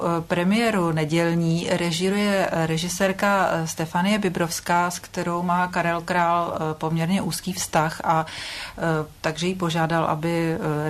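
A woman with a fairly low voice speaking as a radio talk-show guest. She talks in a measured way and stops often to find her words. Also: flat delivery. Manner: measured, hesitant. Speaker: theatre guest. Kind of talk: radio studio chat.

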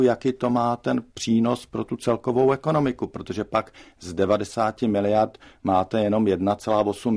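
Casting: low-voiced man, studio debate guest, measured and argumentative, pauses to think. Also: darkish tone. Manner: measured, argumentative, frequent hesitations.

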